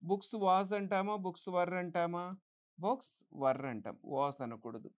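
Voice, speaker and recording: Woman teaching grammar, lowish voice that swings up and down a lot, quizzes the class then answers. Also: animated. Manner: asks the class questions and answers them herself; reads English example sentences slowly and deliberately. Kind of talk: exam-prep grammar lesson.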